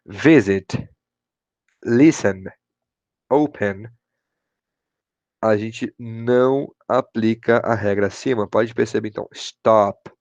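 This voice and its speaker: Brazilian male teacher, gravelly, keeps checking in with his class; dry lo-fi recording. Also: mid-range voice, darkish tone, no echo. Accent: Brazilian Portuguese. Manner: repeats "show de bola" and "pessoal", checks in with students. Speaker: English teacher. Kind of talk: online class explanation.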